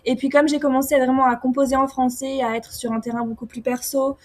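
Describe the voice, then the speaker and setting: A young woman from France answering interview questions casually, often pausing with fillers and restarting her sentences. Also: high voice, flat delivery, darkish tone. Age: young adult. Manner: hesitant, many fillers and restarts. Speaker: singer-songwriter guest.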